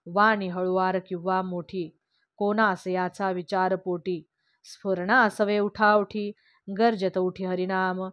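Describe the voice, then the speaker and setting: A woman reading devotional verse aloud in a steady, measured recitation. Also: medium pitch, no echo. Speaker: reader of a devotional text. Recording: slightly dull, dry lo-fi recording.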